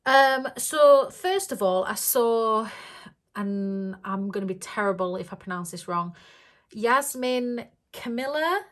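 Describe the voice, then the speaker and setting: Talking to camera about budgeting, this woman vlogger has a slightly croaky, rather high voice and speaks slowly but animatedly. Her chat is casual and rambling, peppered with ums and little giggles.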